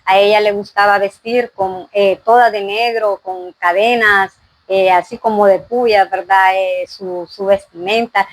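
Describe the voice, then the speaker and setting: A woman's voice: medium pitch, no room sound, rough recording. A woman giving an earnest faith testimony in an interview, full of fillers and "¿verdad?".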